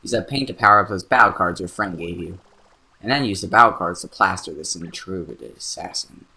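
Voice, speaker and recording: A man's voice: low voice, brisk, sharp tone, husky, voice pushed down, full character voice. A man voicing a cocky, wisecracking talking paint can sidekick in a video game voice-over. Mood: bossy. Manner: brash, bossy and wisecracking. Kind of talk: let's play voice-over.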